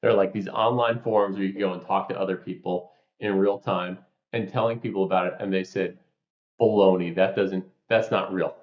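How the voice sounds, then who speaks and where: A man from New York co-hosting a podcast, explaining ideas through lively stories and examples. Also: low voice, fairly quick. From New York, USA. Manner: animated storyteller, explains with examples. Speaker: podcast co-host. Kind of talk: casual podcast chat. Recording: roomy, slightly dull sound.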